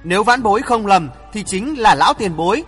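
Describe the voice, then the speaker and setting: Man as a calm, bold young swordsman. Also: high-pitched, brisk, slightly rough, long reverb tail, soft background music, full character voice. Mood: firm, respectful. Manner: calm, firm, respectful.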